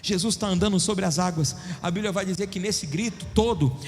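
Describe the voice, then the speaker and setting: A male pastor from Brazil preaching a sermon, asking the congregation questions and swinging between loud and quiet. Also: high voice, brisk. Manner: preaching with call-and-response questions, shifting between loud and soft. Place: church hall. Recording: long hall reverb with faint music. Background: faint music.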